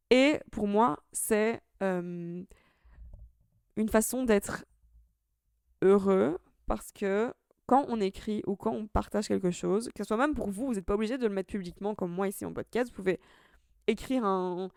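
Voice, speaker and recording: A woman's voice: mid-range voice, a little mellow, clean tone, dry recording, studio quality. A woman in her twenties, from Italy, hosting a solo podcast and musing in a chatty, reflective way with casual slang. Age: 20s. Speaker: podcast host.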